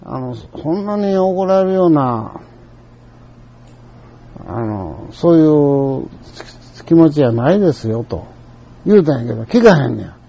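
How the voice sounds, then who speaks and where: Older Kansai man, mellow lo-fi anecdote. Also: a little high, big pitch swings, a little slow, gravelly, pauses often. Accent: Kansai Japanese. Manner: chatty storyteller, colloquial and digressive. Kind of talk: rambling personal anecdote. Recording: dull lo-fi recording.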